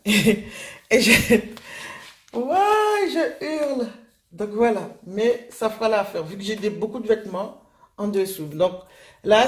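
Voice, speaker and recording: A woman from Guadeloupe talks her way through a casual haul video. Her voice is husky and a little breathy, and her pitch sits in the middle. She rambles, restarts, and leans on fillers as she goes. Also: a little mellow. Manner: chatty, rambling, with frequent fillers. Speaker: vlogger.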